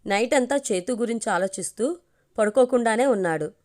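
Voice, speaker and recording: A woman storyteller reading a romantic family story aloud in a steady, even manner. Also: on the high side, brisk.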